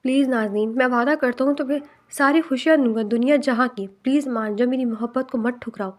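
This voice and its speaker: A woman's voice: high voice, lightly acted. A woman voicing a stubborn, possessive young man who insists and coaxes in a storybook reading. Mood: insistent. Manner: insistent, coaxing.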